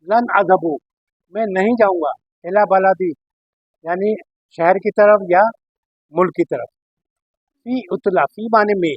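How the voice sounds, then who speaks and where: A man's voice: high voice, husky, no echo, dull audio. A man teaching Arabic grammar, explaining step by step and often checking that his students follow. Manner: explains step by step, checks understanding with "theek hai na". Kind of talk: classroom lesson explaining Arabic in Urdu.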